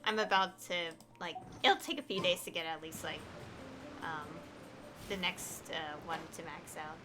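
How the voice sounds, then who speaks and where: Over background video game music, a woman with a fairly low voice gives relaxed, meandering livestream commentary at a normal pace, musing aloud as she plays.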